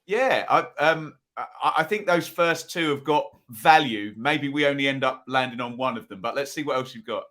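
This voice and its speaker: Male podcast co-host, bright forward tone at average pitch, casual and tentative football chat. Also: moderate pace, hardly any pauses.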